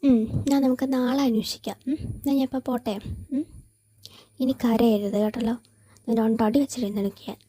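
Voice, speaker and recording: A woman voicing two young women friends, one tearful, in an amateur audio drama, talking in hushed half-whispers. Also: a little high, fairly even intonation, moderate pace, slightly rough, no room sound.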